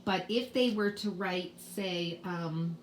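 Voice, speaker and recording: Slow, patient woman teaching spelling. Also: lowish voice, slight background noise. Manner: slow, patient, with many fillers. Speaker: teacher explaining spelling rules to parents. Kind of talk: casual home lesson. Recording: roomy echo, faint ambience.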